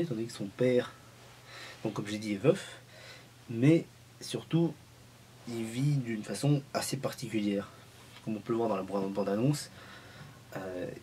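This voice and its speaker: A man's voice: lowish voice, dark tone, slight background noise. A man vlogging at home in a casual, joking film review, rambling and restarting his sentences often.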